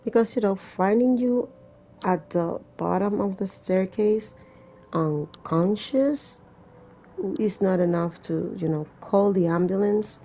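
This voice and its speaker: A woman reads a visual novel aloud as a let's-play, slow and dark-toned at medium pitch. She tosses in casual, irreverent and sweary commentary.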